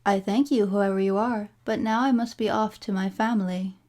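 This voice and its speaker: A woman's voice: medium pitch, steady tone, moderate pace, darkish tone, natural voice. A woman voicing a kindly merchant father in a fairy tale storybook, with earnest, courteous speech. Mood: grateful, polite.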